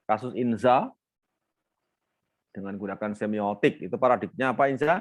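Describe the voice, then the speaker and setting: A man's voice: on the low side, moderate pace. A male lecturer, teaching an online class and teasingly quizzing students by name.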